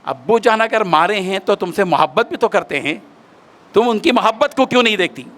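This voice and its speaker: A preacher voicing a calm dutiful eldest son. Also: male voice, high-pitched, a little fast. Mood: soothing.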